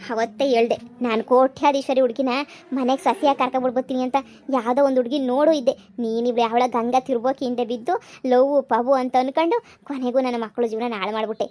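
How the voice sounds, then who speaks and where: A woman playing a scolding, sharp-tongued village mother in a comedy skit. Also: high voice, fairly even intonation, natural voice. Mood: blaming. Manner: scolding, fast rustic nagging.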